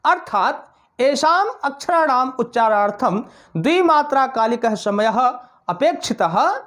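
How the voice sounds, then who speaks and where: A woman teaching a Sanskrit lesson for exam preparation, reading definitions and then explaining them again in Hindi, sounding out each vowel with care. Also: on the high side. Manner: slow, deliberate dictation of vowel sounds. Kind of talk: slow online exam-prep lesson.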